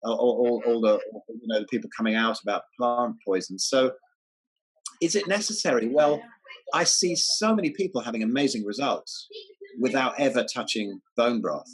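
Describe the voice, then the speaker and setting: Husky man, eager guest. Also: mid-range voice, normal speed, rough recording. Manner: enthusiastic, many false starts and repeated words. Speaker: guest, health writer. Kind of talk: casual interview chat.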